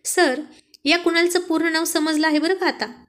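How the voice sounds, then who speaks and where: A woman's voice: extremely high pitch, fairly even intonation, normal speed, a bit bright, voice pushed up. A woman reading a story aloud and voicing a cheeky, loyal young male assistant who teases his boss in a playful way. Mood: teasing. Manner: playful, teasing.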